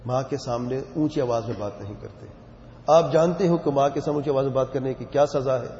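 A man's voice: mid-range voice, dark tone, a little hiss or hum. A man preaching a sermon, speaking emphatically and pressing his listeners with rhetorical questions. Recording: echoey hall, dull lo-fi sound.

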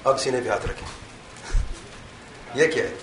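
A man giving an interactive religious talk, quizzing and teasing his audience. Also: mid-range voice. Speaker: Islamic lecturer. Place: lecture hall with a live audience. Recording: echoey hall with faint room noise.

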